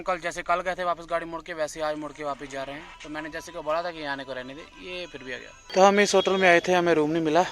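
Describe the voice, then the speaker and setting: A young man narrating a casual travel vlog outdoors, chatty and excited, with a sore throat. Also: fairly high pitch. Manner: chatty, excited, laughs often. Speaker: travel vlogger. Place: outdoors on a hill station trip.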